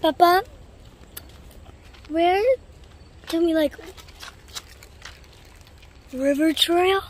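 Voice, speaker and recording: Young woman, really high bouncy voice, slow easygoing talk, outdoor noise. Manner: giggly, easygoing, says "like" a lot. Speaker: vlogger. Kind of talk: casual outdoor vlog chat. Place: outdoor park trail by a river. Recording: outdoor phone recording with background noise. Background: outdoor ambience.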